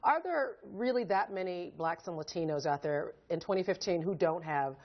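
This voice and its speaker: A woman's voice: lowish voice, animated, normal speed, dull audio. A woman hosting a TV political show, asking direct, probing questions in a news studio. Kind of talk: TV studio interview.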